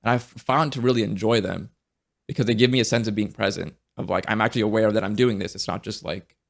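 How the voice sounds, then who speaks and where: A man hosting a casual interview podcast, speaking low with a gravelly edge. His delivery stays fairly flat, and he is earnest and reflective, often restarting his thoughts mid-sentence. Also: quick pace. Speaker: podcast host.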